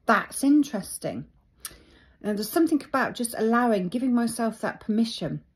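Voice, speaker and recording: A middle-aged woman talking reflectively about her feelings, thoughtful and halting as she searches for words. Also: a little high, darkish tone, breathy edge. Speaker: vlogger. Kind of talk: reflective personal talk.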